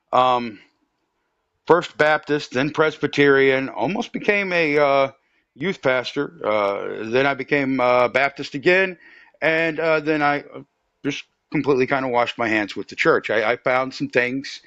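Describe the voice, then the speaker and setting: A man's voice: mid-range voice, a bit bright, dry recording. A man hosting a podcast, chatting casually and thoughtfully, with frequent fillers and restarts. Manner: easygoing, reflective, many fillers and restarts. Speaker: podcast host. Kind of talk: casual conversation. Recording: dull lo-fi dry sound.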